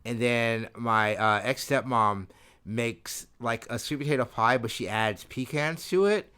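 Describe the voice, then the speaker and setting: A man's voice: medium pitch, unhurried, pushed and bright, clear, resonant tone. A man co-hosting a podcast, chatting in an enthusiastic, rambling way. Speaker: podcast co-host. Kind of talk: casual chat.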